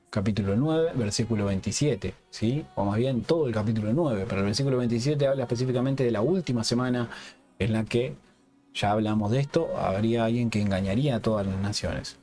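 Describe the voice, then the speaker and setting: A man's voice: medium pitch, mellow. A man giving an unscripted Bible teaching for a Hebrew-roots ministry, checking in with a questioning "yes?" after nearly every phrase and often restarting words.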